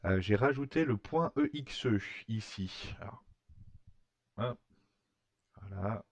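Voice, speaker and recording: A man talking through a screen-recorded software tutorial, hesitant, with many fillers and restarts. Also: lowish voice, expressive, slow, dry recording. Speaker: tutorial maker.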